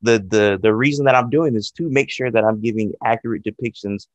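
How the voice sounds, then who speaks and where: A man who runs a video channel, talking reflectively and explaining himself in an earnest, halting way. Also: on the low side, dry recording, lo-fi sound. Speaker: video channel creator and interviewer. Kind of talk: reflective interview talk.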